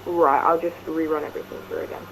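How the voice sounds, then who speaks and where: A man's voice: fairly even intonation, quick pace, gravelly. A man as a pilot talking casually to air traffic control over a headset radio. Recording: noisy, rumbling pilot radio.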